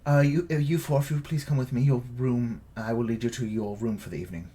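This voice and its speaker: A man's voice: mid-range voice, fairly even intonation, quick pace, dark tone, a little hiss or hum, close to an everyday voice. A man voicing a polite, hesitant female castle servant in a tabletop game. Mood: courteous. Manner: hesitant, courteous, stammering.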